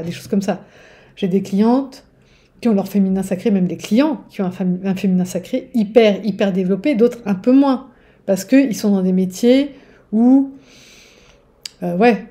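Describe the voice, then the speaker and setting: A woman's voice: mid-range voice, dark tone. A woman giving a casual teaching monologue as a spiritual relationship coach, chatty and digressive, often checking in with listeners. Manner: digressive, with restarts.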